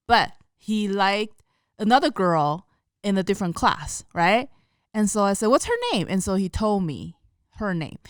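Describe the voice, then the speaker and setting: Woman from taiwan chatting slow on a podcast, giggly storyteller, clean dry sound. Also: mid-range voice, fairly bright tone, clean tone, no room sound. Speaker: podcast co-host. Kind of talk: casual chat.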